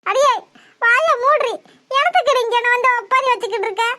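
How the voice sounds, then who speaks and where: A woman voicing a loud, scolding old village grandmother with a southern Tamil village dialect, in a cartoon. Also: very high voice, a little fast, dry recording, clean studio sound. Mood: wailing. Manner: wails and scolds in turns.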